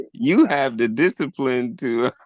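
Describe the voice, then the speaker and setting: A man hosting a live podcast discussion, speaking in a measured, deliberate way and laughing easily. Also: medium pitch, lively intonation, dry recording. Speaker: podcast host.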